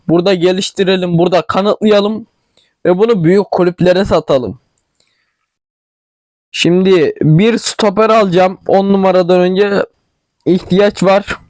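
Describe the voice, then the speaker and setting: Young man, regional Turkish dialect, high voice, dry close recording, casual game commentary, stumbles over words. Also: darkish tone, no room sound. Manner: chatty, thinking aloud, stumbles over words. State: tickly throat, clearing it. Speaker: gaming channel host.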